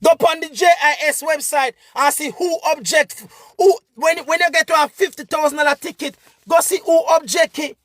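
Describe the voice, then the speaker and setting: A man's voice: extremely high pitch, moderate pace, fairly bright tone, no room sound, clean studio sound. A man with a Jamaican accent giving an impassioned, repetitive political rant as a vlogger.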